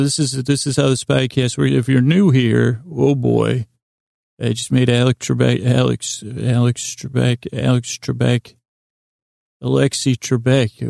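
A male podcast host delivers a rambling bedtime monologue meant to help listeners fall asleep, mumbling and stumbling apologetically through halting, meandering, self-deprecating asides. His voice is medium-pitched and a little mellow, with vocal fry, in studio-quality audio with no echo.

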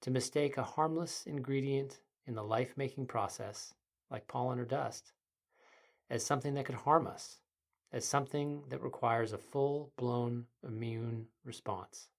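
A person narrating a guided meditation in a soft, soothing, breathy voice, gently and in measured phrases with short pauses. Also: mid-range voice. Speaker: guided meditation podcast host.

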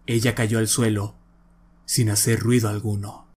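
A man narrating a horror story in a grave, measured, low voice. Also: level tone, darkish tone, breathy edge. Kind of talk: dramatic horror story reading.

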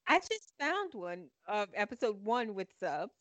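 A woman's voice: mid-range voice, sing-song, measured pace, fairly bright tone, dry recording. A woman co-hosting a casual chat podcast over a call, explaining things at length and thinking aloud. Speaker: podcast co-host.

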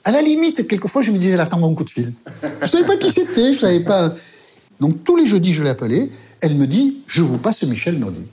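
Older man, Basque accent, animated raconteur, slightly high voice, salty casual storyteller. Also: fast talker. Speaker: journalist. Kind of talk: interview storytelling.

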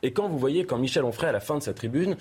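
A man speaking as a guest on a TV debate panel, building measured, essayistic arguments. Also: mid-range voice, lively intonation, darkish tone, breathy edge.

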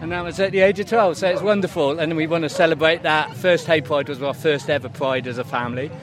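A man's voice: fairly high pitch, steady tone, fast, slight background noise. A middle-aged man telling heartfelt personal stories as a parent in an interview. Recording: busy outdoor crowd behind. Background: crowd outdoors.

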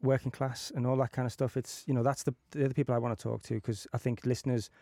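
Easygoing gravelly podcast host, a man. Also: medium pitch, flat delivery, fast talker, dark tone, dry recording, clean studio sound. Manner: easygoing, lots of "you know" and "yeah". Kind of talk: casual chat.

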